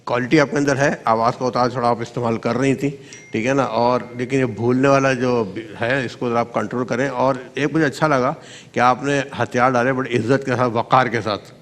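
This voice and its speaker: A man judging a speech contest on a TV show, giving gentle, fatherly feedback to young contestants. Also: medium pitch, fairly even intonation, long reverb tail. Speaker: debate judge. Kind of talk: TV competition judging. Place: TV studio.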